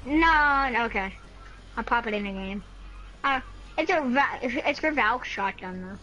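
Brief: high, bright-voiced woman gamer, excitable, teasing banter over a headset. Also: measured pace, low-quality recording. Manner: excitable, teasing, repeats herself. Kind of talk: casual gameplay chat. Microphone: headset mic.

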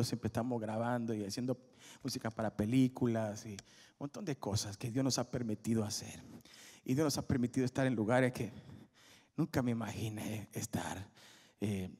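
A man's voice: medium pitch, husky. A man giving a humorous testimony at a church service, acting out scenes as he tells them. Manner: animated storyteller, acts out scenes with jokes. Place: large church auditorium. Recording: echoey hall with faint music.

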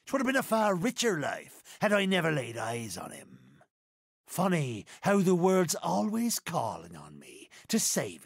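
Swaggering older game pirate captain, raspy and forceful, pitched fairly high, thick West Country pirate accent, grand archaic delivery. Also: male voice, no room sound, clean studio sound, exaggerated voice. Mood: wry. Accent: theatrical West Country pirate. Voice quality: gravelly, raspy. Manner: theatrical, rolling archaic pirate phrasing. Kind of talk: video game character voice lines.

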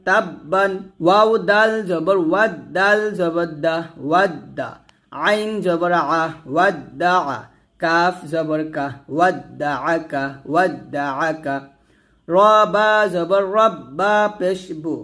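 A man teaching Quran reading, spelling out letters slowly and then blending them into words for viewers to repeat. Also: high voice, fairly bright tone. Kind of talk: step-by-step recitation lesson.

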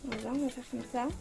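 A woman's voice: a little high, gravelly. A woman in her thirties casually talking through a home cooking tutorial in her kitchen, chatty and full of fillers. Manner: chatty, many fillers, laughs at herself. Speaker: home cook vlogger.

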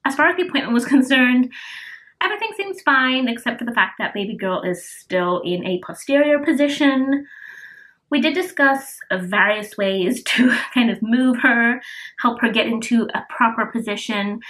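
A young woman with a fairly high voice talks casually to a camera in a small room. She is heavily pregnant and short of breath, and she sounds weary, repeating herself for emphasis in a self-deprecating way. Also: expressive, normal speed, a bit bright, poor audio. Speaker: vlogger. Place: small furnished room indoors. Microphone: camera at about arm's length.

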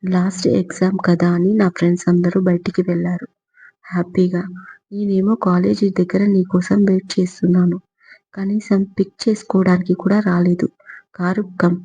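A woman's voice: lowish voice, warm tone, slightly rough, low-quality recording. A woman doing a cheeky young wife. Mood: complaining. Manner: sassy, mixes English words.

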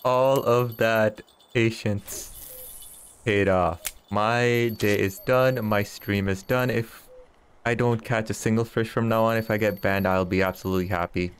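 He speaks a little slowly, his lowish voice level in tone, against slight background noise. The speaker, a man in his thirties, casually streams a fishing game, teasing chat and chuckling a lot.

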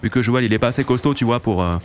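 A man's voice: mid-range voice, racing, a little mellow, a little hiss or hum. A man in his late twenties, hosting a let's play and chatting casually to viewers while he plays. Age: late 20s. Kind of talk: casual gameplay commentary.

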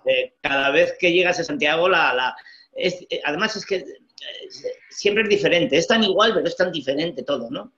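Older spanish guy on a webcam call from his living room, slow thoughtful talk, muffled dull audio. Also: a little high, a bit bright. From Spain. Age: 60s. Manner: thoughtful, repeats words, frequent "eh" and "¿no?". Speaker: guest, writer and pilgrim. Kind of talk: reflective interview talk. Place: home room with glass cabinet. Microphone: webcam on video call.

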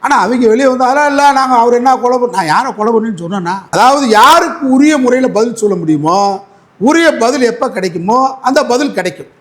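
Combative high-voiced man in interview. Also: lively intonation, fast, a bit bright. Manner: combative, repetitive, mocking. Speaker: interview guest, advocate. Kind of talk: heated political interview.

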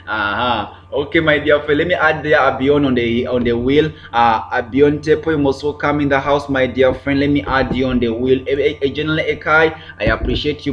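Guy chatting on his livestream, roomy dull lo-fi sound, faint hum in the back. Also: medium pitch. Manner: chatty, repeats himself, greets viewers by name. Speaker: livestream host. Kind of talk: casual livestream chat with viewers.

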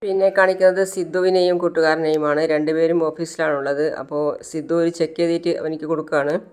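A woman vlogger recaps a serial's episode in a casual, matter-of-fact way. Her voice is somewhat low for a woman and kept quiet. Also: level tone, fairly quick, clean tone.

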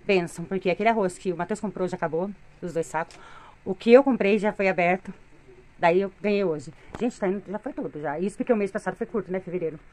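Weary fast-talking Brazilian woman venting. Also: medium pitch, a little mellow. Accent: Brazilian Portuguese. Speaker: vlogger, mother of three. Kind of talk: casual home vlog. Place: home living room.

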